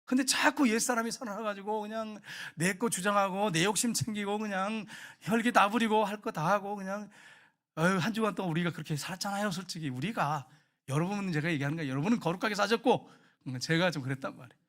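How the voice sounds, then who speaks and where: Slightly high-voiced storytelling pastor. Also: male voice, quick pace. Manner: lively storytelling, acting out everyday scenes; colloquial, talks directly to the congregation. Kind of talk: sermon.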